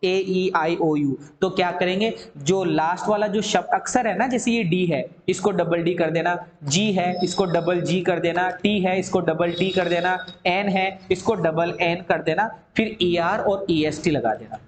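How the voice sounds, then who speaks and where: A man's voice: sits high, measured pace, hardly any pauses, reverberant, slight background noise. A man teaching an English grammar lesson, drilling word forms in lists and asking and answering his own questions.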